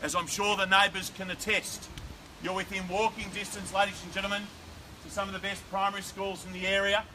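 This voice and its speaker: A man's voice: sits high, little pitch movement, brisk, background noise. A middle-aged Australian man calling a live property auction outdoors, delivering persuasive sales patter and rhythmic bid calls. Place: outdoors on a suburban front driveway. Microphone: far camera, no visible mic.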